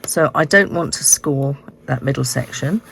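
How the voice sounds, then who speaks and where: Female tutorial host, hoarse and froggy after being ill, low register, casual unhurried delivery, faint room noise behind. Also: fairly bright tone. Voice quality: hoarse, croaky like a frog. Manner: unhurried, explaining step by step. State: croaky voice, recovering from illness. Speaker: host of a card-making tutorial. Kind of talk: casual craft demonstration. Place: indoors at a craft desk.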